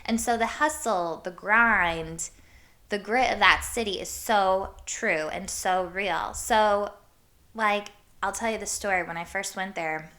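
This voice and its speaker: Woman from Iowa, podcast host, hyper and animated, bright tone. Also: medium pitch. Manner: hyper and animated, swears casually. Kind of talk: casual storytelling monologue.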